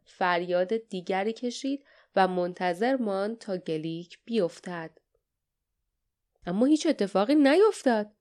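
A woman narrating an adventure audiobook with steady, dramatic storytelling. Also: mid-range voice. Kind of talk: scripted narration.

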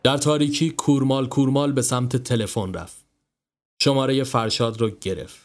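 A man narrating a scripted story in a calm, measured way. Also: mid-range voice, slight background noise. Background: faint background music.

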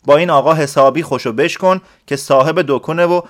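A man voicing a calm, shrewd, kindly male letter-writer who questions patiently in a storybook reading. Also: on the high side, close to an everyday voice. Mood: patient, coaxing. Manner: patient, coaxing.

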